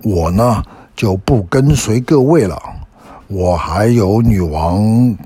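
A polite court minister from a bedtime story explains the way slowly and courteously, as a man voices him close to his own voice. The voice is husky and a little low, in a dry, close recording. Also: expressive, mellow, dry recording, full character voice. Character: polite middle-aged male court minister.

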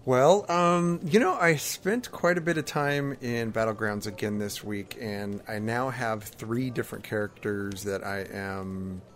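A man co-hosts a podcast, chatting casually about gaming and explaining things in a conversational way. His voice is fairly low and unhurried, with few pauses, and faint ambient noise sits in the background.

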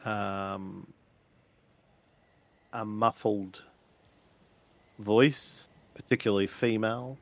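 A man narrates a tabletop game as game master, feeling his way through descriptions with pauses and fillers. His voice is lowish and gravelly. He talks slowly. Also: steady tone. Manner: hesitant, descriptive, many fillers.

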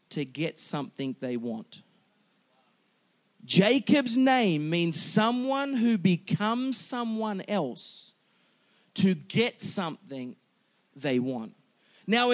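Delivering a sermon to his congregation, a high-pitched man in his forties who serves as a pastor is emphatic and lively, trading jokes with the people in the pews.

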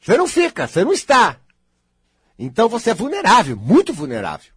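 A man with a raspy, fairly high voice gives a spiritual talk to his listeners. He is blunt and emphatic, and his pitch leaps and dives widely as he drives each point home. The sound is dry and close, with no room echo. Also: fast talker. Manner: blunt, emphatic and animated, often swelling to near-shouts.

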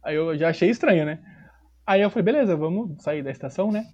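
A man with a São Paulo accent telling a personal story in casual chat, slangy and animated, acting out quoted dialogue. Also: high voice, fast. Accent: São Paulo Portuguese. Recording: dull lo-fi recording.

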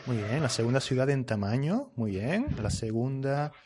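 A man's voice: medium pitch, animated, darkish tone, slight background noise. Patient male teacher leading an online lesson. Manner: patient, slow and encouraging, repeats and corrects answers. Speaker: Spanish teacher. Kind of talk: online group language lesson. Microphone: video call.

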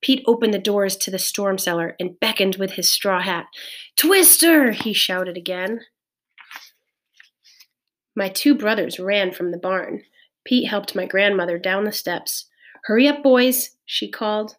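A woman reading a children's novel aloud in a measured, clear storytelling voice. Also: mid-range voice, steady tone. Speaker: audiobook reader. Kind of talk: scripted narration of a children's novel.

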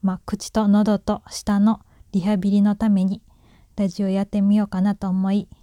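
A woman's voice: mid-range voice, flat delivery, moderate pace, warm tone, no room sound. Kansai woman doing a solo radio chat, nervous and shy, jokey about herself, dry close mic. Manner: shy, nervous, self-deprecating joking. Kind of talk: casual solo radio talk. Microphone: talking alone into a microphone.

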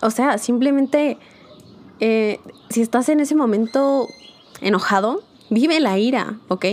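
A young woman with a slightly high voice hosts a casual solo podcast. She speaks in a chatty, confiding way to her listeners. She keeps checking in with them and mixes in English words along the way. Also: slow, a little mellow. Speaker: podcast host.

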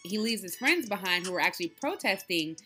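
A woman's voice: mid-range voice, fairly quick, soft background music. A woman co-hosting a casual podcast, chatting loosely and laughing as she recaps and reviews a movie. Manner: animated, laughing, loose storytelling. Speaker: podcast co-host.

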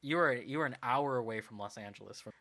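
Guy game master narrating, rambly, lots of uhs, bright voice. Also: medium pitch, fast. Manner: rambling, many ums and uhs.

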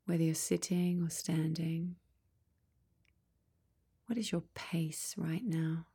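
Her voice is low and husky with a creaky edge, barely above a whisper, as she guides a meditation. She talks very slowly and calmly in short phrases broken by long pauses, keeping a soft, even tone from start to finish.

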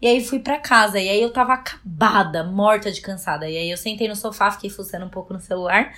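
A young woman with a Brazilian Portuguese accent recounts a personal story in casual conversation. She talks in an animated way and swears freely. Her voice sits at an ordinary middle pitch. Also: fast talker. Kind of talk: casual chat.

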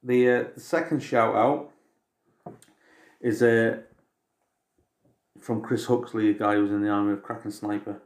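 A man's voice: lowish voice, fairly even intonation, unhurried, long pauses, echoey room. An English man co-hosting a podcast in casual, informal chat, swearing now and then. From England. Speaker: podcast co-host.

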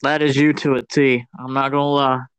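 A man's voice: mid-range voice, normal speed, clear, resonant tone, no room sound. A man co-hosting a podcast, giving a casual, slangy movie recap and acting out the characters as he goes. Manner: slangy, animated storyteller who acts out characters. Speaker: podcast co-host.

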